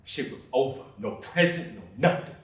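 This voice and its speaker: A man's voice: medium pitch, lively intonation, moderate pace, lightly acted. A young man plays a guilt-ridden father who broods over his failings in blunt, profane talk. His voice sits in a middle range. It is recorded from a distance in a strongly echoing room. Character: remorseful separated father who missed son's birthday. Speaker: student actor. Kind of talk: dramatic monologue. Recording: very echoey room, mic far off.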